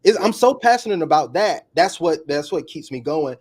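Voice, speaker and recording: Energetic man talking fast in bursts. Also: a little high, slightly rough. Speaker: guest, YouTube coach. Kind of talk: casual interview talk.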